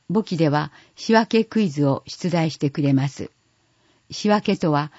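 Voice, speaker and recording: A man reading a newsletter for the blind delivers it aloud in a steady, measured voice of medium pitch that sounds dark and a little husky. The audio is dull and lo-fi, with no room sound at all.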